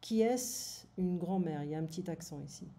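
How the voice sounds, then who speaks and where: A woman's voice: lowish voice, normal speed, gravelly, mellow. A woman French tutor going over a lesson summary for her student, explaining in French and then repeating it in English.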